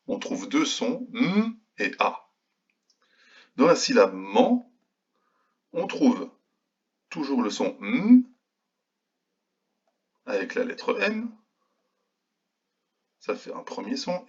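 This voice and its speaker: A male kindergarten teacher giving a remote phonics lesson to young children, slowly and patiently sounding out each letter. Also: on the low side, husky, muffled recording.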